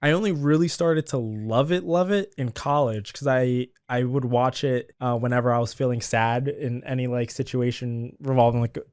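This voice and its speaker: Young male podcast co-host, clear smooth tone, giggly and halting, dry close mic. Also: medium pitch, fairly even intonation, a little mellow, no echo. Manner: laughs often, stammering restarts. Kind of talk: casual film podcast chat.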